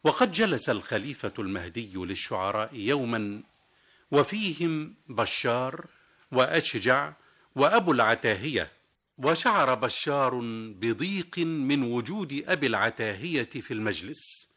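A man's voice: mid-range voice, expressive, normal speed, pushed and bright. A man presenting a scripted radio literary program in formal classical Arabic, telling anecdotes and quoting verse.

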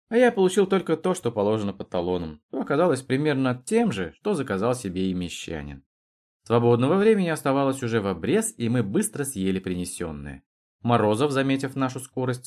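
Expressive male audiobook narrator. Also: medium pitch. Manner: expressive, storytelling. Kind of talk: scripted narration.

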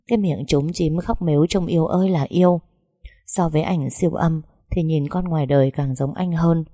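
Low, warm female storyteller, first-person audiobook; dry close recording. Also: no echo. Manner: calm, emotional storytelling. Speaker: narrator.

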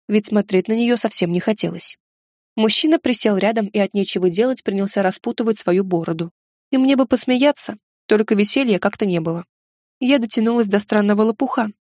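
A woman's voice: medium pitch, darkish tone, no room sound, clean studio sound. A woman narrating a first-person fantasy audiobook in a wry, ironic storytelling manner.

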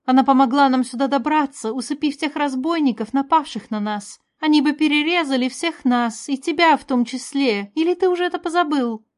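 A woman reading aloud voices a young girl who speaks in a high, desperate shout. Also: fairly quick, hardly any pauses, close to an everyday voice. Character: frightened young girl turning monstrous.

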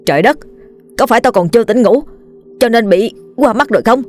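A woman's voice: medium pitch, moderate pace, darkish tone, soft background music, lightly acted. A woman voicing a frightened young male servant who stammers in shock. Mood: shocked fear. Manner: stammering, shaky.

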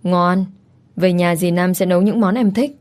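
A woman's voice: on the low side, steady tone, moderate pace, natural voice. Woman reading a doting young husband. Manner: soft, caring, reassuring.

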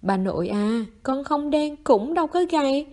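A woman's voice: high voice, expressive, normal speed, warm tone, pitched above the performer's own voice. A woman voicing a flustered teenage boy who pleads in a raised voice in a story reading. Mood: pleading.

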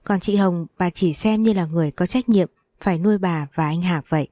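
A woman narrating a story in a steady, even reading voice. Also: fairly low pitch, a little fast, dry recording, studio quality.

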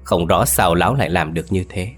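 A man's voice: low-pitched, a little fast, slightly rough, soft background music. A man voicing a boastful old male sorcerer who swaggers at first and later begs for his life. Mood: smug. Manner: boastful, then pleading.

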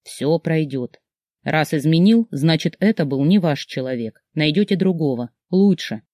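A storyteller voices a commanding, self-assured wealthy man, dropping lower and speaking with calm authority in a mellow, unhurried tone that feels soothing. The sound is close and dry like an audiobook, with no echo.

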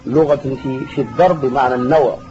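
Speaking quickly in a warm, mid-range voice with fairly even intonation, a sheikh gives a classroom lesson explaining an Arabic grammar text. He patiently goes over key terms again and responds to students' questions. A faint hiss runs through the dull, lo-fi recording.

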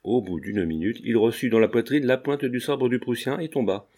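Male audiobook narrator, mid pitch, measured storytelling. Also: mellow, husky. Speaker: audiobook reader. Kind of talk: scripted narration.

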